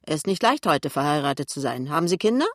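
A man's voice: fairly high pitch, very animated, fast, fairly bright tone, dry recording, studio quality. A man doing a sneering, spiteful shop clerk. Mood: needling. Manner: mocking, provoking.

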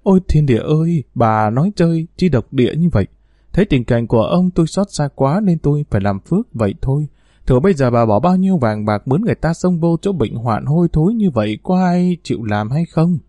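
A man's voice: on the high side, lively intonation, fairly quick, warm tone, no echo, close to an everyday voice. A man voicing a timid middle-aged female servant who speaks deferentially and pleads. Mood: pleading.

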